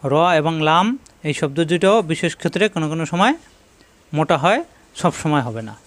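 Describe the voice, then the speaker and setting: A man teaching Quran letter pronunciation, repeating each sound slowly and checking that viewers follow. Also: fairly high pitch, dry recording. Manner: slow, repetitive drilling of letter sounds; asks if it is clear, addresses viewers directly. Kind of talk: step-by-step pronunciation lesson.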